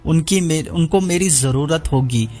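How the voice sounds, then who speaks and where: A man voicing a bitter, desperate young man who speaks harshly and shouts. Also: fairly high pitch, measured pace, faint music behind. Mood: bitter angry.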